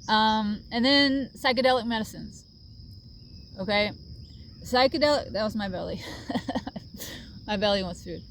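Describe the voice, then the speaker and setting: A woman's voice: on the high side, moderate pace, slight background noise. A middle-aged woman talking casually to camera about her healing journey, earnest and reflective, with many fillers. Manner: earnest, reflective, with frequent fillers and soft laughs. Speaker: vlogger sharing a healing journey. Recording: faint outdoor ambience with crickets.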